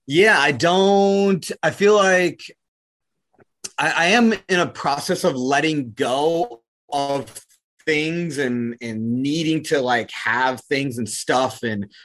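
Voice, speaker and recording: A man speaking as a podcast guest in a relaxed, laid-back way, often saying "like". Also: on the high side, takes it slowly. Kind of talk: casual conversation.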